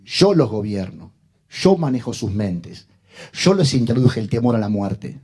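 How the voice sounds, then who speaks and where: A sinister devil speaks in slow, low, menacing taunts, as a preacher puts him on. The voice is dark and mellow, with a wide pitch range across the phrases. It sounds gloating and deliberate. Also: male voice, big pitch swings, husky, heavily acted.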